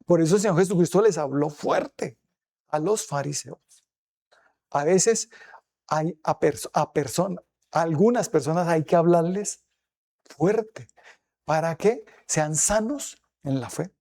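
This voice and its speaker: A male pastor delivering a sermon in a high, gravelly voice with a dark, mellow tone. He keeps asking his congregation rhetorical questions. He also acts out quoted remarks in a changed voice. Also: expressive, a little slow, pauses often.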